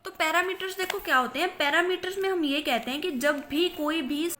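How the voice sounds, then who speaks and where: A woman's voice: very high-pitched, fairly quick, bright, forceful tone. A young woman with an Indian accent, a commerce teacher giving a recorded lecture. She explains by asking and answering her own questions, repeats terms, and mixes English terms into Hindi.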